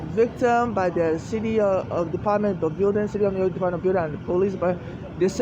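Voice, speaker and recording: A woman from Africa giving a rambling, aggrieved personal monologue, halting and often repeating herself, outdoors in the rain. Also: mid-range voice, dull audio. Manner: repetitive, halting and restarting, aggrieved. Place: outdoors on a city street in the rain. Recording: noisy outdoor street with traffic.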